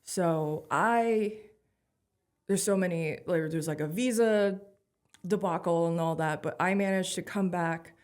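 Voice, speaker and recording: A woman's voice: lowish voice, unhurried. Candid, chatty woman in her thirties. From Taiwan. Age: 30s. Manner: candid, animated storytelling with frequent "like". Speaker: guest comedian. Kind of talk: casual interview chat.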